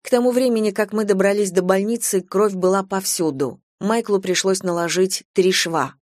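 A woman reads a novel aloud in the first person, even and measured. Her mid-range voice sounds close and dry. She moves the story along steadily. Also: mid-range voice, no room sound. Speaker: audiobook narrator. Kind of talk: first-person audiobook narration.

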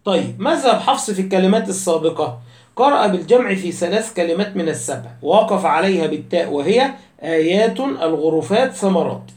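A man teaching a lesson on Quranic spelling and recitation, listing words one by one and reciting the quoted verses slowly and deliberately. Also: high voice, lively intonation, darkish tone, echoey room.

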